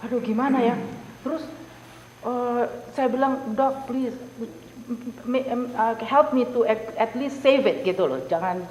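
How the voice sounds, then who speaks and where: A woman giving an animated personal testimony to a group, repeating words for emphasis as she tells the story. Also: on the high side, measured pace. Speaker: Bible study member giving a testimony. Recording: roomy hall reverb, faint hiss.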